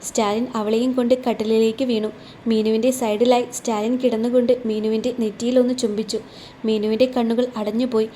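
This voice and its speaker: A woman's voice: a little high, level tone, brisk, warm tone, a little hiss or hum. A woman storyteller narrating a romance story, reading every character in her own voice.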